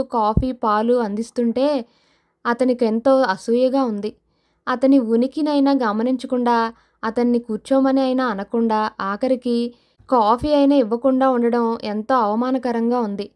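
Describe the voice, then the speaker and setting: A woman reads a suspense novel aloud in a steady, measured way. Her voice is fairly high and keeps the telling even as the story unfolds. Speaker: audio novel narrator. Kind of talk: scripted narration of a suspense novel.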